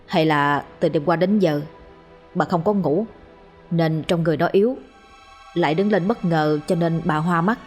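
A woman's voice: deep voice, normal speed, a little mellow, soft background music, lightly acted. A woman doing an anxious village husband. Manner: anxious, pressing questions. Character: worried middle-aged village husband.

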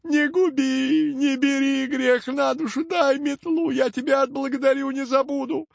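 A man voicing a crafty, spiteful old witch woman with a whiny, nasal, creaky voice. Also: very high voice, steady tone, a little slow, no echo, lo-fi sound, pitched above the performer's own voice, exaggerated voice. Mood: wailing.

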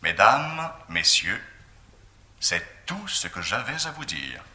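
An actor playing a disembodied voice on a gramophone record, declaiming accusations slowly and solemnly in a 1970s radio drama. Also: male voice, low voice, big pitch swings, bright, forceful tone, slight background noise, full character voice. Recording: roomy reverberant sound.

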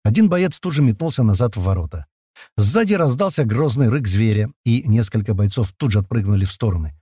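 A man's voice: on the low side, lively intonation, brisk, mellow, husky, dry recording, studio quality. A man narrating an audiobook in the first person, in a casual manner with coarse slang.

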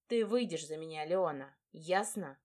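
A woman reading the part of a brash, possessive dark lord in an audiobook, teasing and insistent. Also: low-pitched, lively intonation, unhurried.

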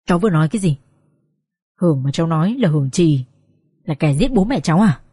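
A panicked, pleading old grandfather in an audiobook story, read by a woman. He stammers and rushes. The delivery swings widely in pitch and sounds dry and close. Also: animated, a little mellow, no echo, natural voice. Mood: worried. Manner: urgent, stammering under panic.

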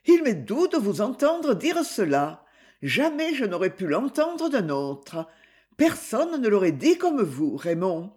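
A man's voice: sits high, huge pitch swings, slow, darkish tone, heavily acted. A man voicing a proud, tender young woman in love, grave and fervent.

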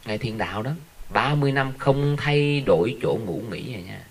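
A man's voice: mid-range voice, expressive, brisk, poor audio. A man teaching as a Buddhist monk in a conversational dharma talk, telling stories and often asking his listeners if they follow.

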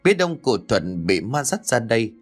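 A man narrating a scripted horror story, telling it in a dramatic and animated way. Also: mid-range voice, normal speed. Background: faint music.

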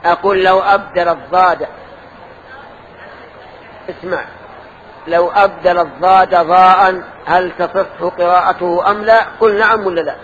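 A man's voice: high-pitched, fairly even intonation, normal speed, pauses often, fairly bright tone, some chatter behind. Older man teaching in a lo-fi mosque recording. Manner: quizzing students, correcting them, explaining. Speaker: religious teacher. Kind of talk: mosque lesson with questions to students. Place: mosque lesson circle. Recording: dull lo-fi lesson recording with faint noise.

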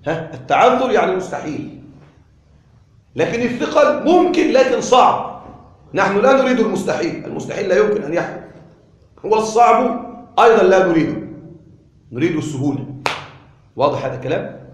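High-voiced male teacher quizzing his class. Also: lively intonation. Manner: repeats points and quizzes listeners with questions; stretches words slowly when demonstrating pronunciation. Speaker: grammar teacher. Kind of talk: classroom lesson. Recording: echoey room.

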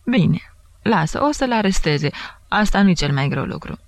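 Here a woman plays the jovial, puzzled investigating judge, a middle-aged man, with a high voice and lively intonation on a dry recording. His manner is familiar and bantering, his mood jovial and incredulous.

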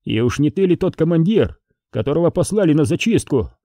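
A man voicing a stern male army officer who gives firm, measured commands. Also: fairly high pitch, animated, dark tone, no room sound, studio quality, pitched above the performer's own voice. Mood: commanding.

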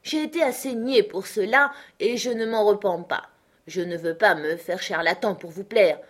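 Un oncle d'âge mûr, ironique et vif, qui s'exclame et se moque de ses propres malheurs, joué par une femme qui lit un roman. Voix de hauteur moyenne pour une femme, dans un livre audio lu. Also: female voice, mid-range voice, moderate pace, lightly acted. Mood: exasperated. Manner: exclaiming, ironic. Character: excitable, principled middle-aged uncle, a man.

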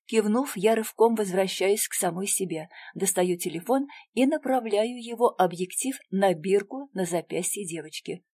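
A woman narrating a first-person audiobook in a quiet, tense, measured voice. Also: medium pitch, lively intonation, no echo.

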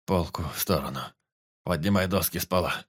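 A man reading the part of a badly wounded forester, speaking low, weak and broken, gruff and used to giving orders. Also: fairly quick, dry recording, studio quality. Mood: weak, strained. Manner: strained, breathless, low and broken.

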